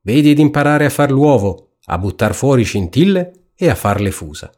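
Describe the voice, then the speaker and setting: A man's voice: mid-range voice, big pitch swings, normal speed, a little mellow, voice pushed up. A man reading a storybook aloud, voicing a fussy, self-important hen who lectures in an ironic, preachy way. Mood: scolding.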